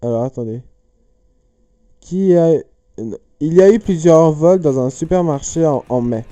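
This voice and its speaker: Slow, dark-voiced rambling man. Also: a little high, animated, no echo, soft background music. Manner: rambling, jokey, self-correcting. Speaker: youtuber. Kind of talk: casual chat solving riddles on camera.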